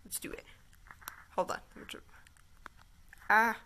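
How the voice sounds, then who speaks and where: A woman's voice: unhurried, very noisy. A woman giving casual, chatty commentary as she makes a gaming video.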